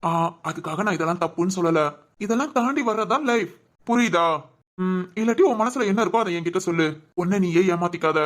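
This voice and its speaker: A woman voicing a caring older brother who gently coaxes and teases his crying sister. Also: on the low side, brisk, lightly acted. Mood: reassuring. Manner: gentle, coaxing, affectionate teasing. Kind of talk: cartoon voice acting.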